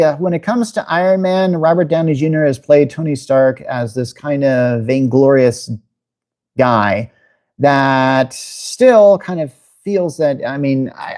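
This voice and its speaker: Mellow-voiced man musing casually. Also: mid-range voice. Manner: musing, meandering, self-deprecating. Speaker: show host. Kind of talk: casual solo commentary.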